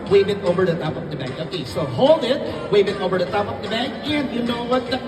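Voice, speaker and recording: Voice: medium pitch, expressive, fast talker, distant mic. A kids party magician doing playful live show patter, coaxing children with simple repeated instructions and showy announcements in a shopping mall. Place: large indoor shopping mall event space. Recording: echoey mall hall from afar, loud music and crowd.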